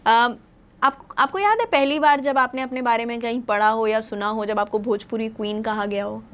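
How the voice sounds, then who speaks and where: Attentive high-voiced woman interviewer. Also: moderate pace, fairly bright tone. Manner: attentive, frequent affirming murmurs, long framed questions. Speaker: podcast host, interviewer. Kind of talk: interview conversation.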